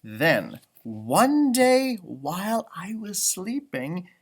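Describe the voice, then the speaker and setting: A man's husky voice sits high and moves very slowly as he reads a children's story aloud. As the storybook reader, he adds animated, chatty asides about the pictures, improvised on the spot.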